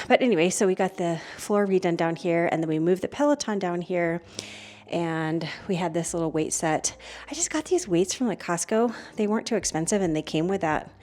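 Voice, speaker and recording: Chatty lower-voiced American woman. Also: darkish tone. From United States. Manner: chatty and meandering, talking while showing her home. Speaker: author vlogging her day. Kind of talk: casual vlog chat. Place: at home.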